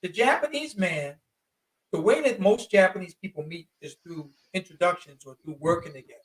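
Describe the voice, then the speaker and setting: A man in his fifties with a notably high voice, talking as an interview guest. His delivery is animated and slangy, and he leans hard on his points. He sits a little back from the microphone. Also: moderate pace, recorded from a distance, low-quality recording. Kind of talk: casual storytelling.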